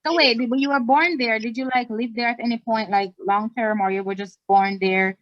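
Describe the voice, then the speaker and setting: A fairly high-voiced woman running a casual online club meeting. She is chatty and laughs easily. Her voice sounds dry and dull, as if it came through a lo-fi video call. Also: steady tone, brisk, dry recording. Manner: chatty, laughs easily, second-guesses herself.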